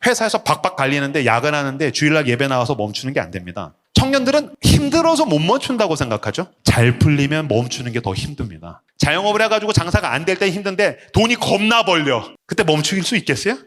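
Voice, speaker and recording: Lively high-voiced man preaching a sermon. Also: fast talker, few pauses. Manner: lively, acts out quoted voices; casual slang and rhetorical questions. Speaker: pastor.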